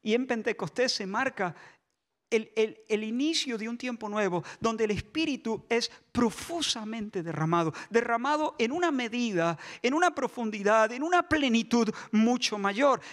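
A man from Spain, preaching a sermon in a church, impassioned, shifting between shouts and soft asides. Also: very high-pitched, animated, moderate pace. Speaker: pastor.

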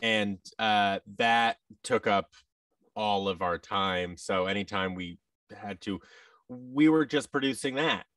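A wry, self-deprecating American in his thirties, a voice actor who also produces audio dramas, chats as an interview guest on a video call. He speaks slowly in a low, fairly bright voice. Recorded at a distance through a boom-arm mic with headset in a large indoor studio, the sound has no room tone.

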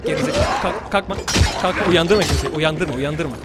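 A man's voice: on the high side, fairly quick, very noisy. A young man commentating a horror game let's play, muttering to himself and cursing at the game. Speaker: gamer.

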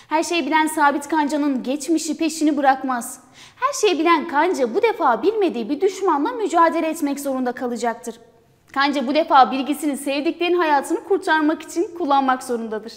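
A young woman co-presenting film news for university television, reading her script formally. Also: high voice. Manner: formal read-aloud delivery. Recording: hall reverb.

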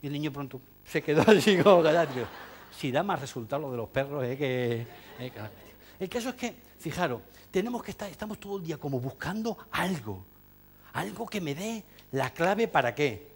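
A man's voice: on the high side, very animated, moderate pace. A man giving an ironic, joking talk to teachers, full of asides and fillers. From Spain. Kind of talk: humorous lecture to an audience.

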